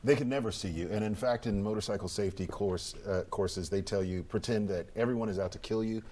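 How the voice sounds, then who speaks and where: A man in his late fifties with a fairly low voice, talking as a guest in an interview. He is folksy and plain-spoken, giving his view conversationally. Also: fast talker, a little mellow, slight background noise.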